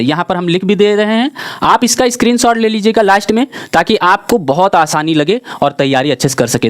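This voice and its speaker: Brief: male tutor from India, high-pitched, explains exam material, pauses on each letter, asks and answers himself. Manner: asks the class questions and answers them himself; spells out letters slowly one by one. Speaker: teacher. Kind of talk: exam-prep lesson explaining a map.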